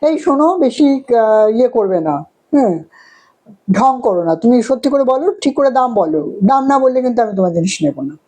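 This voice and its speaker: A woman vlogger acting out a busy morning in a home-made skit. Her voice is mellow and set a little high. She talks briskly, chiding and fond by turns. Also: lively intonation, low-quality recording. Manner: brisk, chiding, affectionate with pets. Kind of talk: acted everyday role-play skit.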